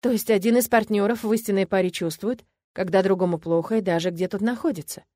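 A woman's voice: mid-range voice, fast, mellow, no room sound, clean studio sound, close to an everyday voice. Woman doing a curious, stubborn young heroine. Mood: curious, indignant.

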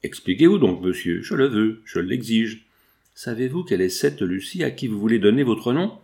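A man voicing a young fiancé, earnest and anguished, in a low voice. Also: big pitch swings, normal speed, gravelly, mellow. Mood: indignant. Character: young fiancé, torn and indignant, proud.

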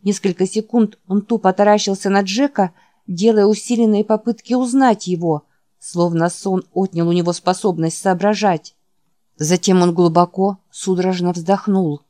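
A woman narrating an audiobook in a measured, dramatic reading style. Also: mid-range voice, fairly even intonation, dark tone, no room sound, clean studio sound.

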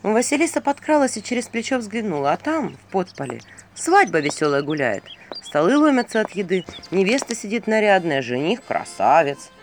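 A woman narrating a dark folk tale in an expressive storytelling voice. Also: mid-range voice, moderate pace, slight background noise. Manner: expressive, hushed then rising.

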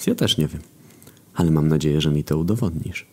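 A man voicing a skeletal male ferryman of the dead who talks calmly, dryly and bluntly. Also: extremely low pitch, a little fast, slightly rough, heavily acted.

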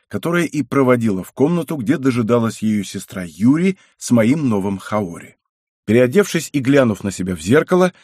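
A man narrating an audiobook in the first person, his mid-pitched voice rising and falling with plenty of movement. The recording is close and dry, with no room sound. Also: darkish tone, dry recording.

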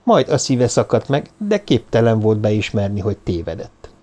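A man narrating a novel as an audiobook, reading in a measured, expressive way. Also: on the low side. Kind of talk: scripted narration.

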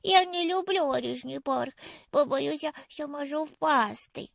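A woman voicing a shy, earnest little girl in an audiobook, with a high, childlike and eager voice. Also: unhurried, gravelly, dry recording, studio quality. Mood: serious.

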